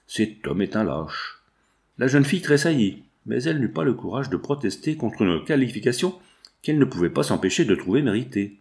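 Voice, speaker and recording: A man with a creaky, mid-range voice narrates a classic novel as an audiobook, telling the story in a measured, expressive way.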